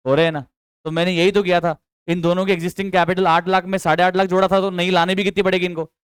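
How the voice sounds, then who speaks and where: A man's voice: high-pitched, clear, resonant tone, no echo. A young man teaching accountancy in a chatty, coaxing lecture, quizzing students with repeated questions and mixing in English terms. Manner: mixes English terms into speech. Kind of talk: classroom lecture.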